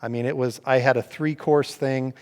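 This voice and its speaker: A man from Oregon, a pastor in casual church conversation, telling animated stories and acting out other people's lines. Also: mid-range voice, moderate pace, clear, resonant tone, big-room sound. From Oregon, USA.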